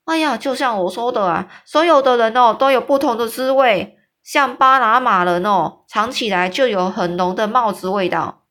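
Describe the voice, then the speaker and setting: A woman voicing a huge, boisterous male giant who teases loudly and draws out his exclamations. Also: natural voice. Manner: booming, boisterous, drawn-out exclamations.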